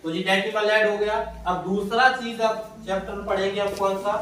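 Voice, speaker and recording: A man's voice: sits high, fairly even intonation, moderate pace, noisy background. A man teaching a class, who keeps asking his students questions and answering them himself. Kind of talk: classroom lesson. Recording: echoey room, from far off.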